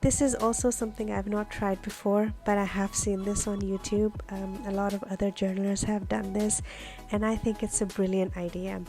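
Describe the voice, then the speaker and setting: This journaling vlogger, raised speaking Urdu, walks through a craft process in a relaxed, explanatory voice-over with music behind it. Her medium-pitched, gravelly, creaky voice is dark in tone, flat, and moderately paced.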